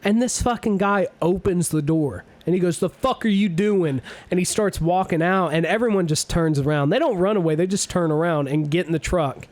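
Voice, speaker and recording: A young man hosting a podcast, telling a story to friends in a lively, profane way and acting out what people said. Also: high-pitched, fairly quick, few pauses. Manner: animated storyteller, swears a lot, acts out quotes. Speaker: podcast host. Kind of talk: casual storytelling among friends.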